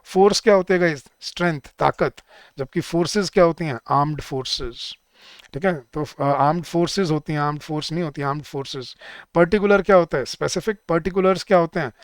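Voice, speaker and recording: A man's voice: on the high side, fast, no room sound, clean studio sound. A man with an Indian accent teaching English grammar in an online exam-prep lecture. He mixes Hindi with English example sentences and keeps asking the class questions that he then answers himself.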